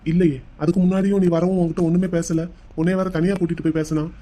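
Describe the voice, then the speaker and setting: A woman's voice: lowish voice, little pitch movement, quick pace, warm tone, natural voice. A woman voicing a concerned man in a cartoon who keeps questioning his friend. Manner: probing, insistent questions. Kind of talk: cartoon voice acting.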